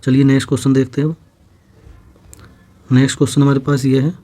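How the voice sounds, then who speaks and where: A man's voice: medium pitch, completely flat delivery, fast, warm tone. A man explaining exam math problems step by step, patiently checking in with his students as he goes. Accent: Hindi-speaking North Indian. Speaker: math teacher. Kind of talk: exam-prep math lesson.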